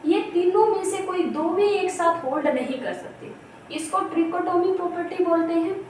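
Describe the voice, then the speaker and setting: High-voiced woman teaching, echoey room. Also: animated, normal speed. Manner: explains step by step, repeats key terms and asks rhetorical questions. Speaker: math teacher. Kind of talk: exam-prep lecture on real analysis. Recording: echoey room, mic at a distance, faint background noise.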